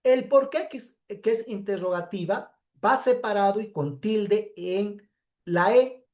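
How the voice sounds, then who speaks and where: This woman teacher has a mid-range, somewhat mellow voice and is giving a pre-recorded lecture. She explains patiently and slowly, step by step, pausing to check in with students through frequent "¿sí?".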